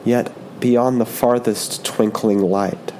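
Calm old storybook turtle, wise and gentle, a man reading her lines, slow and low. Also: slight background noise, rough recording. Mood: serene. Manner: slow and measured.

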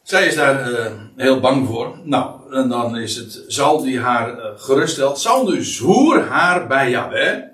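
A man's voice: mid-range voice, lively intonation, takes it slowly, few pauses, a bit bright. A man explaining a Bible passage in a hesitant, exploratory way, with frequent fillers and restarts. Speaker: Bible teacher. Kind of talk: explanatory Bible study talk. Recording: echoey room, distant mic.

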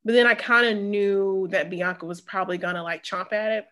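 Speaking briskly in a mid-range, slightly bright voice, this former sprinter shares personal stories as an interview guest. Her Southern American accent comes from Mississippi, and the casual conversation is sprinkled with emphatic asides.

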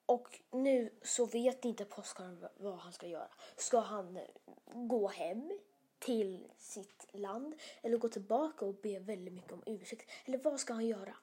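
Breathy woman whispering a bedtime story. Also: mid-range voice, warm tone. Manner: casual, hesitant, many fillers and restarts.

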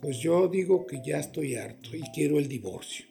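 A man's voice: fairly high pitch, lively intonation, moderate pace, vocal fry, music in the background. An older man playing a flustered patient in a comic sketch, stammering and repeating himself as he complains about his wife. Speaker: patient with marriage troubles.

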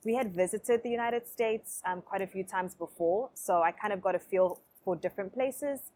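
A young woman from Africa, talking as a podcast guest in a relaxed, reflective way. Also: medium pitch, moderate pace, a little hiss or hum. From South Africa. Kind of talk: casual interview conversation.

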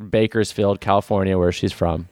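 Guy with a lowish smooth voice rambling thru a made-up story, lots of ums, dry sound. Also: fairly even intonation, normal speed, darkish tone, no echo. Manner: loose rambling with many fillers. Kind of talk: improvised comedy storytelling.

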